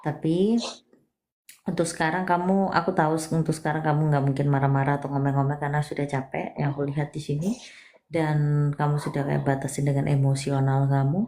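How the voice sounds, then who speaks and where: Woman, low register, live palm reader; gentle, coaxing, endearments, half-whispered. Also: level tone, a little fast, slight background noise. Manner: soft, coaxing, calls the listener darling; mixes English words into her talk. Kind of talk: live one-on-one reading.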